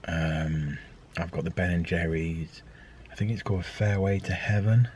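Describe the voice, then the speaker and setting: A little slow and darkish in tone, his low-pitched voice stays steady against slight background noise. He's a vlogger in his thirties making a casual daily vlog, rambling and hesitant with many ums into a handheld camera at arm's length. He films outdoors in a park, later in a car, and then at home.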